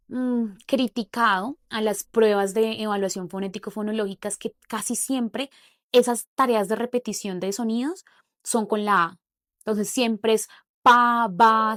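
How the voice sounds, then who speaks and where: A young woman gives a relaxed lesson as a speech therapist, leaning on fillers as she works through each step. Her voice sits at a middle pitch. The recording is dry and close, with no room sound. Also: no echo. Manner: chatty, explains step by step, uses many fillers like "o sea". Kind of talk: casual explanatory lesson.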